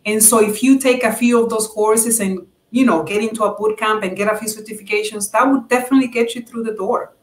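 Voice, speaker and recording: A woman's voice: on the high side, fairly even intonation, fairly quick, few pauses, echoey room. A woman answering interview questions in an earnest, advice-giving way with many fillers. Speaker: guest.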